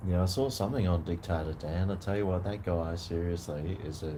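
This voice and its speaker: A man's voice: deep voice, brisk. A man with a broad New Zealand accent chatting casually as a vlogger, rambling through anecdotes in a laid-back, slangy, sweary way. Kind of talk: casual rambling chat to camera. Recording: noticeable background noise.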